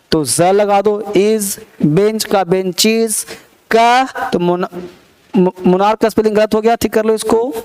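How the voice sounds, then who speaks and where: A man's voice: high voice, clean tone. A man teaching English spelling and pronunciation to students, repeating words and quizzing them, in a classroom lesson. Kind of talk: classroom grammar lesson in Hindi.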